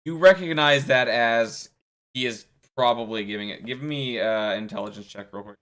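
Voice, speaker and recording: A man's voice: mid-range voice, fairly bright tone, clean tone. Young man running a tabletop game. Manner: halting, filler-heavy narration. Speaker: game master.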